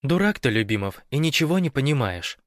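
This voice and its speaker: A man's voice: mid-range voice, very animated, brisk, dry recording, clean studio sound, voice pushed up, close to an everyday voice. A man voicing a bossy young woman teammate who scolds indignantly.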